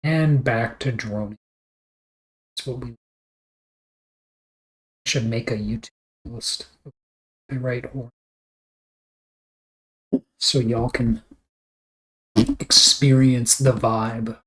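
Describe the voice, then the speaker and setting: Deadpan monotone man streaming. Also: mid-range voice, slow pace, long pauses, poor audio. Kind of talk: casual livestream chat while drawing.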